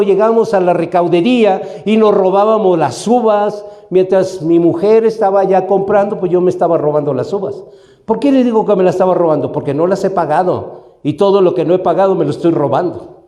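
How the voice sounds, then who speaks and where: A man's voice: sits high, dark tone. A man from Mexico preaching a sermon as pastor, teaching and often asking his listeners whether they follow. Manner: teaching, asks the congregation questions. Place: church hall. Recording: echoey church room.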